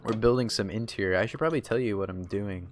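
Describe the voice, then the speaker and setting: A man's voice: on the low side, fast, faint music behind. A young man streaming a game, chatting casually in a rambling way full of fillers and restarts. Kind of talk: casual chat while gaming.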